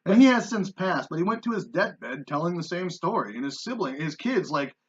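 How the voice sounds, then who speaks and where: A man's voice: on the high side, animated, fairly quick, lo-fi sound. A man co-hosting a podcast, joking around and interrupting in casual chat. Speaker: podcast co-host.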